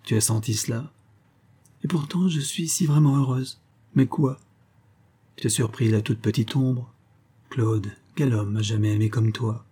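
A loving young wife from a storybook, speaking softly and adoringly with a hint of hidden sadness , as a man puts her on. Her voice rises gently above the reader's warm, mellow tone, with a faint husky grain. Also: mid-range voice, unhurried, pauses often. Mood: tender, wistful. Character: tender, wistful young wife in love.

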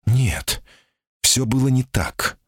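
A man's voice: medium pitch, slow pace, husky, no room sound, clean studio sound, voice pushed up. A man voicing a timid, guarded female golem in human shape, anxious and pleading, in an audiobook reading. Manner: anxious, pleading, often cries out.

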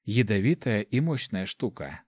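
A man reading a gentle young woman in a fantasy audiobook. She speaks softly and evenly and explains things patiently. The sound is dry and close. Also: on the low side, sing-song, a little slow, slightly rough, dry recording, exaggerated voice. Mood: calm.

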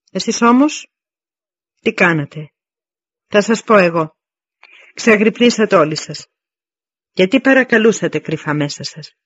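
A man's voice: fairly high pitch, gravelly, fairly bright tone, husky, dry recording, muffled recording, full character voice. A man reading the part of a stern veteran Spartan warrior in an audiobook, giving commanding speeches.

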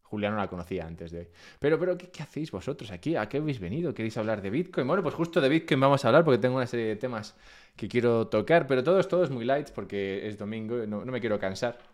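This Spaniard talks fast in a mid-range voice, his Spain Spanish accent clear as he rambles casually to his stream chat from home. The mood is laid-back, with plenty of self-mockery.

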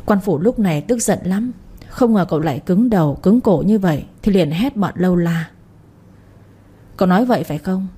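A woman narrating a romance story as an audiobook reader, in an even storytelling manner. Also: fairly low pitch, normal speed, husky.

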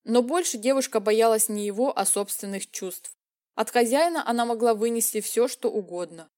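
A woman narrating a romance audiobook in a measured, emotive reading. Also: a little high, a little mellow.

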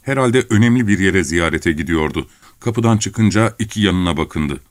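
A man with a low voice reads a story aloud at a measured pace, pausing deliberately between phrases. The recording is dry and close, with no room sound. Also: expressive, no room sound. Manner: measured, unhurried reading with deliberate pauses. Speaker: audiobook narrator. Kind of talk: storytelling narration.

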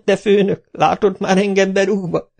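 Man putting on a squeaky high voice, whining hapless male watchman, storybook, nasal complaining tone. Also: steady tone, creaky, darkish tone. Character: whiny, dim-witted male night watchman.

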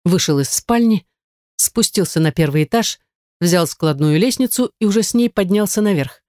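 An audiobook narrator reads a novel in an even, measured way. The voice sits in a middle pitch. It is recorded close and dry on a studio mic. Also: no echo.

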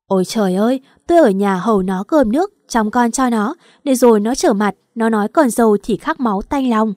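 A woman voicing a sharp-tongued older mother-in-law who scolds and accuses in a quarrelsome way, in an audio story. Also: on the high side, a little fast, dry recording, studio quality, lightly acted. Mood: wailing.

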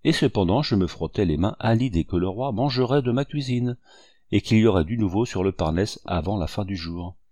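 Male audiobook narrator, low and mellow, dry close recording. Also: animated, fairly quick, no echo.

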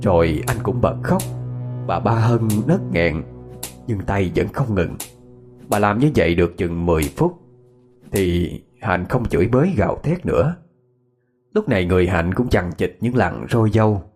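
Low expressive male ghost-story narrator. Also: moderate pace. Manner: expressive, dramatic. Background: faint music.

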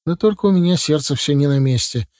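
Мужчина-чтец озвучивает молодого эмоционального милиционера, говорящего торопливо и горячо. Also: male voice, on the high side, expressive, a little mellow, no echo, studio quality, pitched above the performer's own voice, close to an everyday voice. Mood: excited. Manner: quick, effusive, emotional. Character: young excitable male policeman, warm-hearted.

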